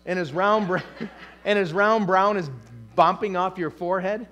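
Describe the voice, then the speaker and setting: A man's voice: high voice, steady tone, moderate pace, bright, forceful tone, soft background music. A male pastor preaching a sermon in a church, emphatic and repetitive, asking the congregation questions. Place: church sanctuary.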